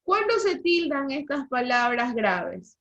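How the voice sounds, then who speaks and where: A woman's voice: high-pitched, sing-song, takes it slowly, fairly bright tone, a little hiss or hum. A woman teacher giving an online language lesson, explaining rules and quizzing the class with questions over a video call. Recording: slightly dull lo-fi call audio.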